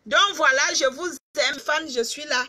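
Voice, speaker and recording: A middle-aged woman from Cameroon, speaking with a Cameroonian accent, casually chats with fans during a live video stream, addressing them directly with emphasis and repetition. She talks a little slowly in a high voice with a sharp tone.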